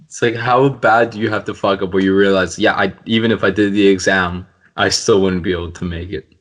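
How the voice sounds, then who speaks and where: A deep, steady voice with a fairly bright tone belongs to this young male podcast host, a university student. He talks a little fast, bantering and teasing his friends with jokes.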